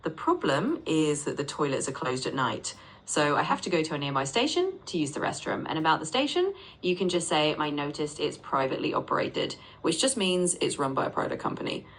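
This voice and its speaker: A synthetic female voice acting as a patient English tutor, gently correcting and repeating sentences. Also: deep voice, big pitch swings, fairly quick, rough recording. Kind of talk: conversational language tutoring.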